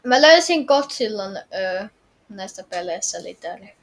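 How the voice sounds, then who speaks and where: This gamer, a woman playing through a story, speaks at medium pitch with lively intonation. Her improvised role-play commentary is casual and hesitant as she muses aloud and asks questions.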